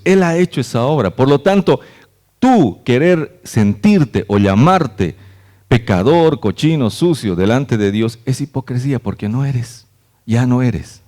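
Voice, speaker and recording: A man's voice: mid-range voice, darkish tone. A man, a pastor, preaching a conversational sermon at a church service and often checking in with "¿no?". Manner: earnest, conversational, frequent "¿no?" tags.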